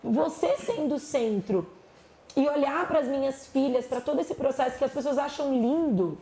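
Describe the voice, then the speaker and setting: High, gravelly woman telling stories. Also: moderate pace. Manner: animated storytelling, acts out quoted voices. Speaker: pastor and psychologist guest. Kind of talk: casual podcast chat. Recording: echoey room with faint noise.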